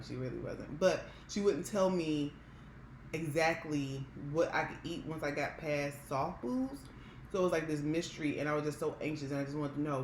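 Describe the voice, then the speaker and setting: American woman chatting candidly in an echoey room. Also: sits low. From Maryland, United States. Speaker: vlogger. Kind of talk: casual mukbang chat to viewers. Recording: roomy echo with background hiss.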